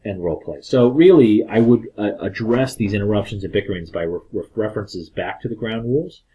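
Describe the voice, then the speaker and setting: A man with a husky voice explaining a therapy approach like a student presenter, in a measured, hesitant way with pauses mid-phrase. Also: fairly low pitch, dull audio. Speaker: student of family therapy doing an assignment. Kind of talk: explanatory talk with therapist role play.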